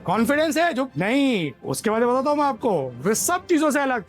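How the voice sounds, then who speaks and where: A male sales trainer giving an energetic motivational seminar in a hall and drilling the audience to repeat his lines. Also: very high-pitched, brisk, faint music behind.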